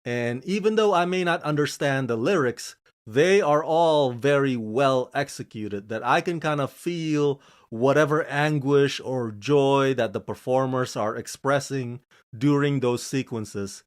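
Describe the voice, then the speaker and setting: Hosting his own channel, an Indonesian film reviewer presents a scripted series review in a gushing, emphatic way, often swinging his pitch and pace. His tone is clean and his delivery a little slow.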